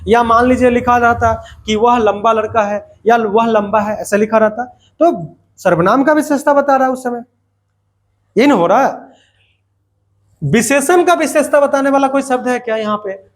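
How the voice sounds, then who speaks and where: High-voiced male grammar teacher. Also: moderate pace. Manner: repetitive, asks students questions and answers them himself; playful asides. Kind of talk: grammar lesson to students.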